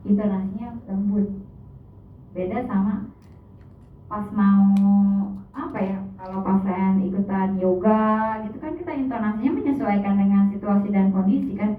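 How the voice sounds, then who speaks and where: A woman giving a casual hypnotherapy lecture, chatty and animated, sometimes acting out soothing instructions to a patient. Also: medium pitch, moderate pace, faint music behind. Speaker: hypnotherapy trainer. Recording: echoey room, far mic, tinny lo-fi sound.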